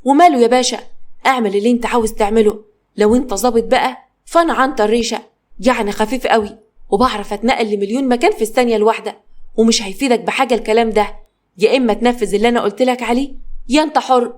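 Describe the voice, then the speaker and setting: A woman's voice: on the high side, rapid-fire, lightly acted. A woman with an Egyptian accent voicing a mocking male gangster who threatens over the phone. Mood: taunting. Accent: Egyptian Arabic.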